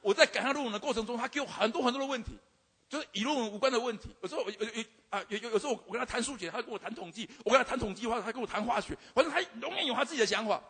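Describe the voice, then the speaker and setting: A man's voice: very high-pitched, racing, pushed and bright, husky. An older man, a university teacher, tells a humorous testimony about his students, stammering and repeating himself with frequent "OK" fillers. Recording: long hall reverb.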